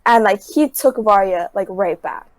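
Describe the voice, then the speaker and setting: A woman's voice: mid-range voice, moderate pace, no room sound, rough recording. A young adult woman as a podcast guest, casually retelling scenes from a show with constant filler words. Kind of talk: casual chat.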